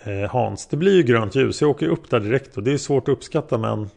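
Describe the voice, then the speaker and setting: A man's voice: medium pitch, lively intonation, gravelly, darkish tone. A man voicing a male taxi driver testifying as a witness, answering in a plain, hesitant way. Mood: calm.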